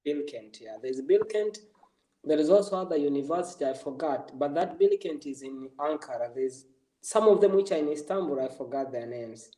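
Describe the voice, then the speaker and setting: A man interviewing someone in a casual chat, halting and repeating phrases as he puts his questions. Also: a little high, expressive, dark tone. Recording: roomy echo, far from the mic.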